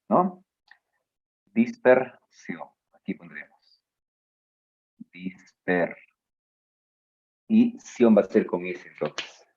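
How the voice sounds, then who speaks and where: A man teaching a spelling lesson at a very slow, deliberate pace, stretching each word. His voice is low and dark, and the lo-fi recording sounds dull. He speaks to the listener with playful, familiar asides. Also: breathy edge. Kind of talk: spelling lesson talking to students.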